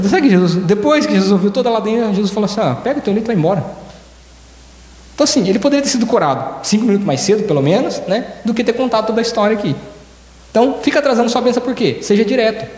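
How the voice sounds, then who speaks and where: Fields: Man. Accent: Brazilian Portuguese. Style: fast, high-pitched sermon. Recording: echoey church hall with long reverb. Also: expressive, a little mellow. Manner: emphatic, repeats key phrases, acts out quoted dialogue. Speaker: church elder preaching.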